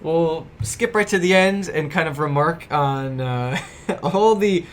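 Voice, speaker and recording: Man, fairly high voice, podcast co-host, joking, casual chat, faint background noise. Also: slow pace. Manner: joking, laughs while talking.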